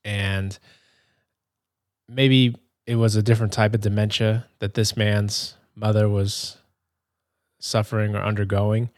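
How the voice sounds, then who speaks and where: Male podcast host, young adult, low voice, hesitant chatty delivery. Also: level tone, unhurried, pauses often, no room sound, clean studio sound. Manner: rambling, hesitant, many fillers and restarts. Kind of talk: casual gameplay commentary.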